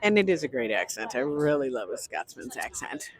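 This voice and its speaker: A woman's voice: very deep voice, very animated, brisk. A woman walking through an outdoor art festival, narrating her vlog chattily and greeting people she passes. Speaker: vlogger.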